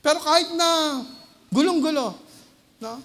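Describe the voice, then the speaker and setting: A man with a Filipino accent preaching a sermon. He often asks the congregation "no?" and moves between loud urgent bursts and low quiet asides. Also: measured pace. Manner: keeps checking with the congregation by tagging "no?" onto phrases. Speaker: lay preacher. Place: church hall. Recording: long reverb of a church hall.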